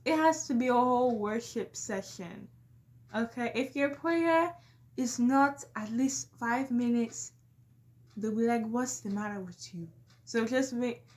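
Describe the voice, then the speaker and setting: A young woman vlogging in a casual, comedic way, speaking emphatically and talking straight to her viewers. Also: a little high. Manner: emphatic, addresses viewers directly.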